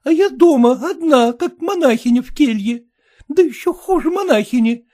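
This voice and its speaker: Reading a storybook aloud, a woman plays a tearful young wife who sobs and hurls accusations, high-strung and reproachful. She has an expressive, dark-toned voice at a moderate pace.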